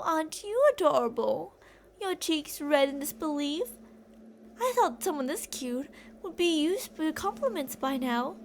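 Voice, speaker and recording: In an ASMR roleplay, a woman with a high voice plays an obsessive, delusional kidnapper who rambles theatrically to her captive, adoring and teasing by turns. A bit of hiss or hum sits under the audio.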